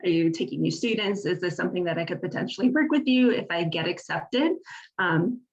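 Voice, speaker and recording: A woman's voice: lowish voice, brisk, dull audio. A woman answering as a graduate student panelist, talking in a chatty way with many fillers.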